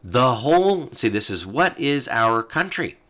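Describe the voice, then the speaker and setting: A man's voice: mid-range voice, big pitch swings, measured pace, bright, forceful tone. A man hosting a show, reading old legal texts aloud and explaining them with fillers and asides. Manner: talks as he reads, with fillers and asides. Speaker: host.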